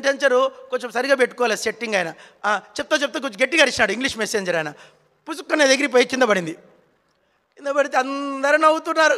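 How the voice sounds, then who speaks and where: High, bright-voiced man preaching. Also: in a large hall. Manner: urges the congregation to repeat lines aloud; storytelling with humor and rhetorical questions. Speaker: pastor. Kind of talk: sermon. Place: church hall.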